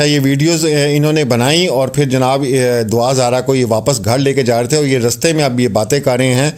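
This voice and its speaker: A man's voice: mid-range voice, a little mellow. A man narrating and commenting on a court statement for his viewers, in a conversational style with many fillers.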